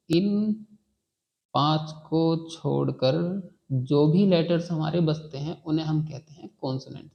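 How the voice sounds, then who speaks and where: A man's voice: a little high, darkish tone. A man teaching a beginners' English class in a patient, repetitive way, often checking in with the students as he goes. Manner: patient, repeats key words and checks with "ठीक है". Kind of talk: classroom lesson. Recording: dull lo-fi sound.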